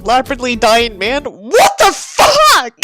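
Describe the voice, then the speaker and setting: Over loud background music, a woman with a high voice slowly reads aloud from a badly written book, mocking it dramatically. She breaks in with incredulous, sweary asides and expressive reactions.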